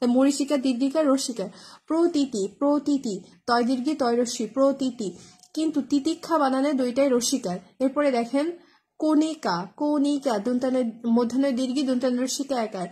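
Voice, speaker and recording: A woman's voice: high voice, normal speed, dark tone, breathy edge. A woman tutor, teaching an online spelling lesson and spelling words out letter by letter with many fillers. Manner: explains with memory tricks, asks "right?".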